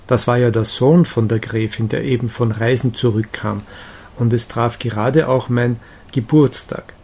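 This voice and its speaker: Gentle cheerful young woman, read by a man. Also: mid-range voice, normal speed, breathy edge. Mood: fond. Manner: lively, confiding chatter. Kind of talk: audiobook reading of a romantic novella.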